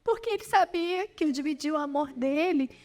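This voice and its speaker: Young woman, high-pitched, earnest personal testimony. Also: brisk, darkish tone. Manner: earnest storytelling, addresses listeners as "gente". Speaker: podcast guest.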